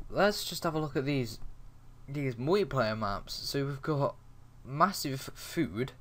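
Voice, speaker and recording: A young man with an average-pitched voice talks in a casual reaction-video style. He is informal and halting, often thinking aloud as a gaming YouTuber would. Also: fairly bright tone. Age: young adult. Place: small dim bedroom, indoors.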